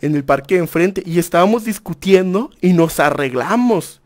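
A young man, a streamer telling a story to his chat in a casual, animated way, full of crude slang. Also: high voice, normal speed.

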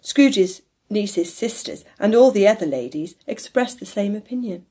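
A woman reads a classic novel aloud as narrator, with expressive, measured storytelling. Her mid-range voice has a husky edge. She shapes each phrase with care. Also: mid-range voice.

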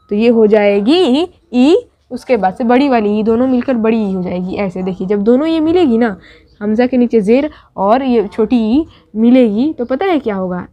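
A woman's voice: fairly high pitch, mellow. A woman teaching Urdu script step by step, patiently walking students through each letter and checking in often. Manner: patient, repeats and checks with "thik". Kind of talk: step-by-step writing lesson.

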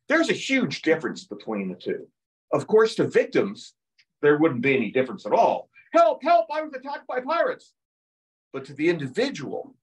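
Older male history lecturer, animated storyteller, heard from across the room. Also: medium pitch. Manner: lively storytelling, acts out quotes in playful voices. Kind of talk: museum lecture with slides. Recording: voice heard from a distance.

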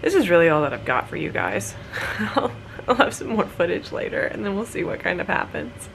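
A woman's voice: on the low side, sing-song, a little fast, fairly bright tone, slight background noise, rough recording. A young woman chatting casually to her phone camera in a hotel room, laid-back and laughing often. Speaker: vlogger. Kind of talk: casual vlog chat to camera. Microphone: phone camera held close.

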